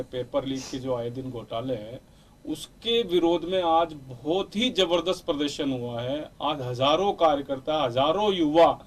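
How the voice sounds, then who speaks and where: A man arguing forcefully as a party spokesman in a heated televised debate, repeating points in a campaign-style way. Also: mid-range voice, far from the mic, slight background noise. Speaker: youth wing party spokesman.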